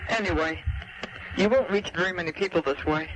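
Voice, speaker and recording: A high-pitched male caller speaks over clear background noise on a recorded phone message. He argues earnestly and emphatically, in a reproving, partly prepared way. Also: fairly quick. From lives in California. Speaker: caller leaving a message on a comment line.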